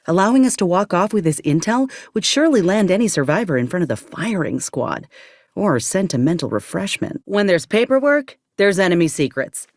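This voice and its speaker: She voices a video game character: a tough, weary ex-army medic turned troubleshooter. Her lowish voice swings freely in pitch with a drawl, and she speaks bluntly, folksily and sardonically in a grim, matter-of-fact mood. The recording is close and dry, with no room sound.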